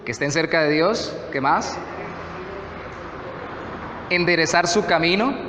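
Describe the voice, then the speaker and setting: A man with a Colombian Spanish accent, a pastor preaching a sermon, reading scripture slowly and deliberately. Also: a little high, noisy background. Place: church hall. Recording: echoey church hall, faint ambience.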